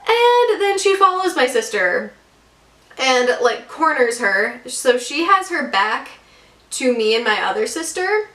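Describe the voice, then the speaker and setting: Chatty young woman, bright voice in an echoey room. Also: high voice, very animated, a little slow. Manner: chatty, many fillers like "like" and "um". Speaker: vlogger. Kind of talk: casual storytelling to camera. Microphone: camera mic. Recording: roomy echo, camera mic at a distance.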